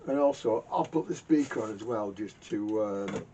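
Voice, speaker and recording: A male vintage radio repairer hosts a workshop video from his garage, offering casual hands-on repair commentary. He speaks haltingly, mutters to himself and repeats words, his tone dark and soft. The lo-fi recording is muffled and full of rumbling noise.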